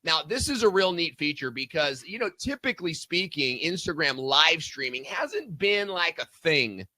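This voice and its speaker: Bright-voiced male show host. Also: a little high, expressive, normal speed, no echo. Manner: friendly, conversational with fillers. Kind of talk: casual business talk show.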